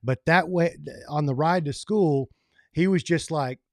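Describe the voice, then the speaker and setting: Male coaching host, conversational motivational storyteller, a touch high-pitched, dry recording. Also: measured pace, no echo. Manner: conversational, restarts phrases. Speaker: host of a men's coaching program.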